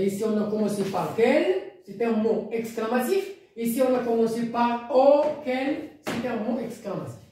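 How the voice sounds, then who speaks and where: A woman's voice: medium pitch, dark tone. A woman teacher with a Moroccan accent giving a grammar lesson, repeating key phrases and explaining each point again in Arabic. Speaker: primary school teacher. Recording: very echoey classroom, voice far from mic.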